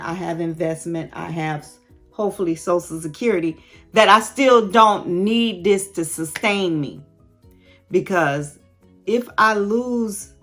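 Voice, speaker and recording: A woman's voice: lowish voice, fairly bright tone. A woman in her late fifties chatting candidly and laughing often as she answers viewer questions in a casual vlog. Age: late 50s. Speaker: YouTube host.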